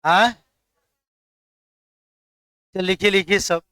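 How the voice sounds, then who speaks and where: Loud high-voiced chemistry teacher. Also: male voice, fairly even intonation, takes it slowly, clean tone, no echo. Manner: loud, questioning the class, mixing English terms. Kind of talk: classroom lecture.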